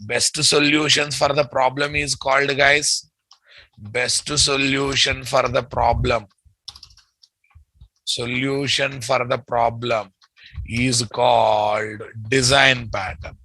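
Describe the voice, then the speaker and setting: A man's voice: mid-range voice, little pitch movement, takes it slowly, sharp tone, no room sound, low-quality recording. A man with a Telugu Indian English accent teaching a live technical class, repeating phrases and quizzing listeners with checking questions. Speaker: software instructor. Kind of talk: live technical lecture with dictated notes.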